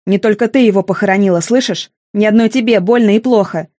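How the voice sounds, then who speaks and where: A woman's voice: medium pitch, fast talker, no room sound, clean studio sound, lightly acted. A woman voicing a cold, tired and bitter young man in an audiobook. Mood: bitter outburst. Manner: icy, tired, quietly bitter.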